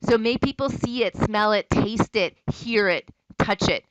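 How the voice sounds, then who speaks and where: A woman's voice: medium pitch, measured pace, no echo, low-quality recording. A woman college instructor giving a recorded lecture in a conversational, explanatory way.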